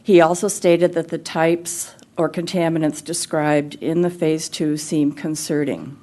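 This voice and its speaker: A woman resident giving formal public comment at a council meeting, speaking in a measured, deliberate way. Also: low voice, fairly even intonation, warm tone. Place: city council chamber.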